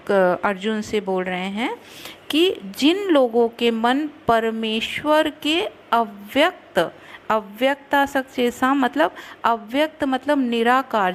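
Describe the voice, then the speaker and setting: A woman teaching scripture recitation. She chants each verse slowly and carefully, then breaks it down syllable by syllable and explains it quickly. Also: on the high side. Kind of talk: slow recitation with pronunciation teaching.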